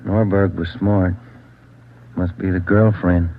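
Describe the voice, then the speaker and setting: Tinny-sounding old radio police detective. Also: male voice, low-pitched, little pitch movement, slow pace, creaky, slight background noise, full character voice. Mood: puzzled, weary. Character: earnest, plain-spoken male police detective, the sergeant's partner. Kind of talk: 1940s radio acting. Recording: tinny, narrow 1940s radio recording.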